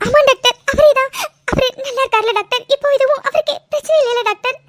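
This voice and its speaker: A woman's voice: very high-pitched, fast, fairly bright tone. A woman voicing a young cartoon woman who is fiercely devoted to her sweetheart and talks in a pleading, scolding way. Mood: worried. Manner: pleading, then scolding and tearful. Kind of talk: cartoon voice acting. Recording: noisy recording.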